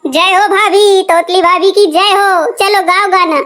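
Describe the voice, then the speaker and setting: A woman's voice: very high-pitched, steady tone, measured pace, a bit bright. A woman voicing a gossiping cartoon neighbor who teases and mocks the family. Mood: teasing. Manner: teasing, mocking. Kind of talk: cartoon voice acting.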